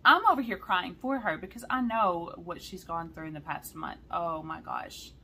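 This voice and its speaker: A woman, chatting excitedly to her viewers in a cross-stitch vlog and often saying y'all. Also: on the low side, normal speed, gravelly, husky. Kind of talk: casual chat to viewers.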